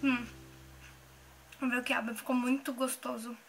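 This woman's voice is slightly high and fairly bright, with a level tone and a slightly slow pace. In her twenties, she chats casually through a home cooking vlog, restarting sentences often and using many fillers. She's recorded in her kitchen on an arm's-length camera mic, over background music and clinking dishes.

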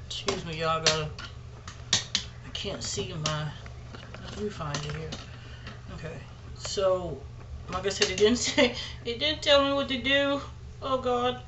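A woman's voice: medium pitch, unhurried, pauses often, echoey room, noisy background. A woman vlogging casually to the camera through a dried face mask, chatty and nervous, saying y'all and giggling. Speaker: beauty vlogger. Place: indoors at home.

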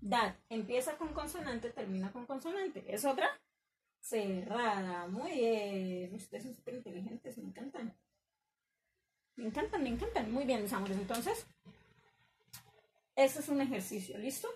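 A woman teaching a language lesson to children, praising them warmly and slowly drawing out words to show which syllable is stressed. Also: fairly high pitch, animated, slight background noise.

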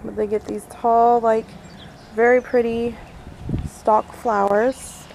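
Walking through a library garden with her camera, a woman gives a casual tour, unsure of some plant names. Her fairly high voice is level and slow, and the handheld camera mic catches loud outdoor noise, making the recording rough.

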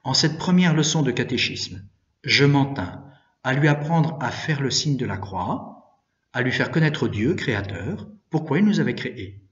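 A priest reading a religious story aloud with expressive, animated storytelling. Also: male voice, mid-range voice, measured pace. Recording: distant, echoey, dull room recording.

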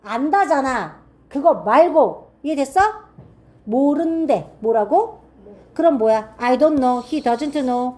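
High, lively woman teaching a grammar class. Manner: quizzing students with quick repeated checks; reads English sentences slowly and deliberately. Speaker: English teacher at a cram school.

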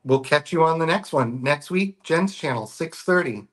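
A man's voice: on the high side, animated, normal speed, a little hiss or hum. A man co-hosting a casual live sale stream, easygoing and joking with his co-host and viewers. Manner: easygoing, joking, friendly sign-offs.

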